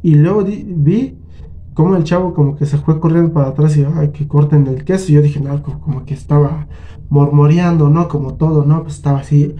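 A man's voice: on the high side, fairly even intonation, fairly quick, dull audio. A man with a Mexican accent casually tells a story on his vlog, acting out both sides of an argument in colloquial, salty speech. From Huasteca region of Mexico. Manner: colloquial, swears freely. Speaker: channel host.

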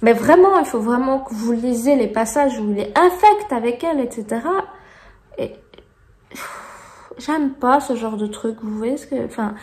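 Woman, 30s, Belgian French accent, casual book vlogger, frank and rambling, slightly high voice, recorded on a phone. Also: lively intonation, normal speed, darkish tone, roomy sound. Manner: chatty, frank, digressive with many fillers. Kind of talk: casual book review monologue. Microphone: phone camera.

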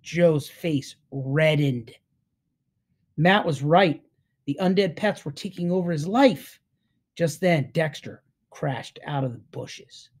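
A woman reading a children's book aloud to listeners, with an expressive, unhurried delivery. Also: low voice, husky.

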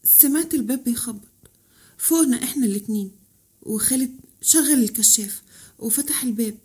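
A woman's voice: a little high, a little fast, warm tone, breathy edge. A woman with an Egyptian accent telling a first-person story in an intimate, confessional way. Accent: Egyptian Arabic.

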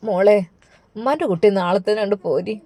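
A woman voicing a worried, tearful middle-aged mother with a Malabar Malayalam accent, pleading and high. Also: brisk, warm tone, no room sound, natural voice. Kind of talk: storybook narration.

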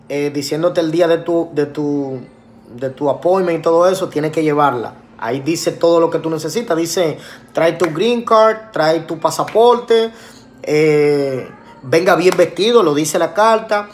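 A man's voice: fairly high pitch, a little hiss or hum. Guy chatting on his vlog about something that happened to him, lots of ehs and restarts, does both sides of the conversation. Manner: chatty retelling with many fillers and restarts; acts out both sides of dialogues. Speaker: vlogger. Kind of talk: casual personal story.

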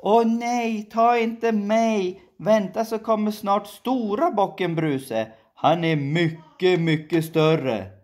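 A woman voicing a middle-sized male billy goat in a storybook reading, talking quickly and nervously. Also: mid-range voice, darkish tone, voice pushed up, natural voice.

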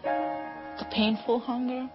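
A middle-aged woman tells her story in earnest, heartfelt words, her voice pitched a little high. The sound is dull and muffled, and music plays clearly underneath. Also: flat delivery, slow. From Bosnia. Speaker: testimony speaker. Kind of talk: personal testimony. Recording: muffled video clip with music behind.

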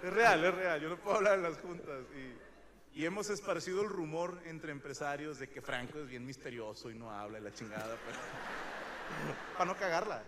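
A Mexican man in his thirties doing a stand-up comedy monologue, telling crude, slangy stories and shouting some bits. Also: a little high, expressive, normal speed, crowd noise. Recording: live show with loud audience noise.

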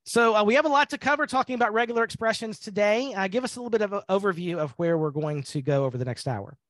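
High-voiced upbeat man hosting a webinar. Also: animated, fast talker, a bit bright, dry recording. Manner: upbeat, conversational, many fillers. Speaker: host of a live training webinar.

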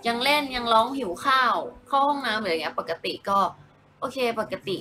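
A woman's voice: a little high, lively intonation, fairly quick, bright, forceful tone, slight background noise. A young woman chatting casually on a home live stream, giggling often and answering viewers as she reads their comments.

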